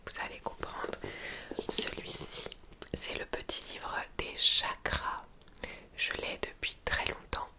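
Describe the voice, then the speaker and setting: A woman whispering softly and breathily, as in a library, in an informal, hesitant ASMR chat presenting books. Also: takes it slowly. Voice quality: soft, breathy unvoiced whisper.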